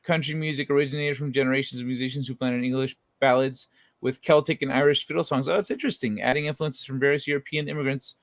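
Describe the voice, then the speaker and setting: A man's voice: mid-range voice, steady tone, fast talker, dry recording, clean studio sound. A young man hosting a late-night livestream, chatting in a laid-back, rambling way and laughing often. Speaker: livestream host. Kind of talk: casual late-night chat.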